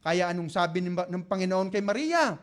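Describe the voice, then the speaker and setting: High-voiced man preaching a sermon. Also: lively intonation, a little fast. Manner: asks listeners rhetorical questions. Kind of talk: sermon with Bible reading.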